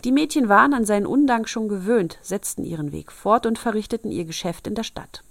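A woman reading an old fairy tale aloud in a steady, old-fashioned storybook manner. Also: medium pitch, brisk, vocal fry, no room sound.

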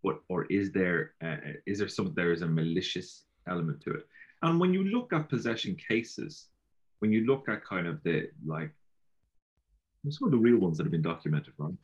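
Here a Galway man's low, sing-song voice carries a west of Ireland accent as he philosophizes casually at a moderate pace. He keeps repeating himself and peppers his speech with "you know," and the recording has its high frequencies cut off.

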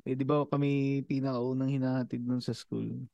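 A married man co-hosting a podcast, telling a spooky school story in a relaxed, teasing way that often trails off quietly. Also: medium pitch, a little fast, vocal fry, no echo, lo-fi sound. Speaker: podcast co-host. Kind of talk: casual chat, storytelling.

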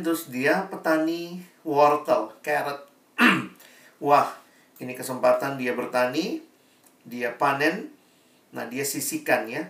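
A male preacher telling a sermon illustration as a lively storyteller with frequent exclamations. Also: medium pitch. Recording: echoey room, voice from far off.

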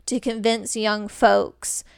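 A woman's voice: mid-range voice, flat delivery, slow, vocal fry, clean tone. A woman co-hosting a podcast in casual chat, opinionated and stretching words for emphasis. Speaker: podcast co-host.

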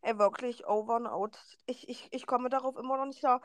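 High-voiced woman telling a story. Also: fairly quick, no room sound. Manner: animated storyteller, acts out quoted dialogue. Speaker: best friend and co-host. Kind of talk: casual chat.

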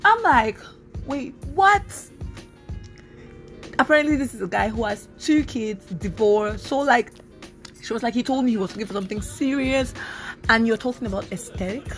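A woman's voice: on the high side, normal speed, long pauses, soft background music. A woman in her thirties hosting her own podcast, talking casually and animatedly with plenty of fillers. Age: 30s. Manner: chatty, animated, with many fillers. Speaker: podcast host. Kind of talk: casual solo podcast talk.

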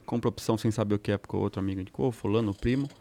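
A man from Brazil, a guest on a podcast, telling stories in a relaxed, slangy way and acting out what people said. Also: fairly low pitch, rapid-fire, vocal fry, no room sound. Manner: storytelling, acts out quotes, slangy. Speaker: guest trader. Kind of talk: casual podcast conversation.

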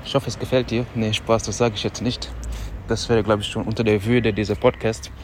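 A man hosting a podcast in a casual, motivational monologue, talking loudly on purpose in a loose, self-talking way with slangy asides, outdoors on a city street. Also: on the low side, flat delivery, brisk, slight background noise. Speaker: podcast host.

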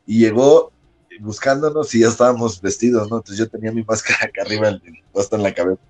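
A man with a Mexican accent, a wrestler guest casually telling an anecdote, animated and often laughing as he acts out the people in it. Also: fairly low pitch, quick pace, faint music behind, low-quality recording. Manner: lively storyteller who acts out quoted people in a raised voice and laughs often.

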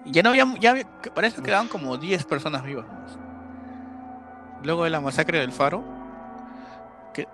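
A man's voice: on the high side, lively intonation, a little fast, pauses often, a bit bright. Guy on a podcast recapping a movie scene by scene, light music behind. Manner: retells a plot step by step, storyteller-like. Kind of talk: casual film recap.

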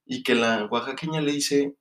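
A man's voice: medium pitch, fairly bright tone, reverberant, distant mic. A young man with a Mexican Spanish accent, co-hosting a podcast with slangy, laughing chat. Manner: laughing, slangy, quick reactions. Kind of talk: casual storytelling chat.

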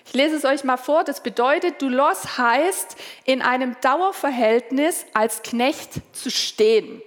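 Woman pastor, high voice, conversational sermon, asks listeners questions, long reverb of a church hall. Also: unhurried.

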